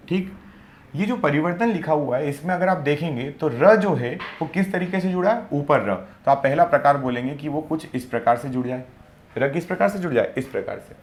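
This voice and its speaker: A young man teaching a Hindi grammar class for exam preparation, who asks rhetorical questions, answers them himself and repeats key words slowly. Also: mid-range voice.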